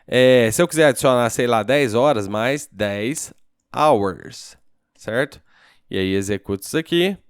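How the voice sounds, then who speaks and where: Brazilian man teaching code, smooth voice. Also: mid-range voice, a little fast, no echo, clean studio sound. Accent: Brazilian Portuguese. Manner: relaxed, thinking aloud, checks in with "certo?" after each step. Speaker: programming teacher. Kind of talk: casual screencast tutorial.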